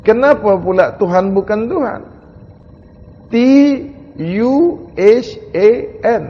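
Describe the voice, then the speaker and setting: A man giving a mystical religious lecture, asking slow, emphatic rhetorical questions. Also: high voice, husky, in a large hall, muffled recording. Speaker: religious teacher.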